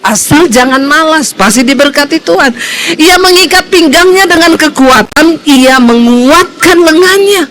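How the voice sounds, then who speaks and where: Middle-aged lady pastor preaching, high voice, lively storytelling, bit of background hiss. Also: measured pace, rough recording. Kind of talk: sermon.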